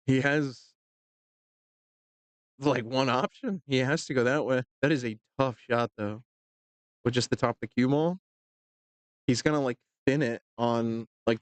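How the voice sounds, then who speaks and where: A man calls a pool match in a loose, joking way, full of casual fillers. His voice sits at an ordinary middle pitch. The sound is close and dry, with no room echo. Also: clean tone. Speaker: pool commentator. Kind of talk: casual live commentary.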